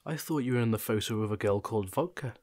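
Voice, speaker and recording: A man's voice: on the low side, fast, darkish tone, natural voice. An actor playing a pedantic young man who keeps interrupting a story with fussy questions.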